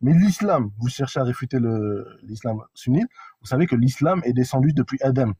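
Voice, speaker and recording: A man's voice: medium pitch, animated, fairly quick, dark tone, slightly rough, no echo. A man calling into a live debate, lecturing insistently and repeating his points. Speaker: caller in a debate.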